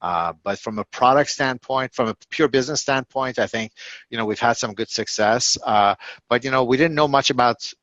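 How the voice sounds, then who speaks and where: A man in his fifties, an executive answering interview questions in a halting, casual way, full of fillers and restarts. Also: mid-range voice, fairly bright tone, dry recording. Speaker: tech company executive guest. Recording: dull, lo-fi and dry.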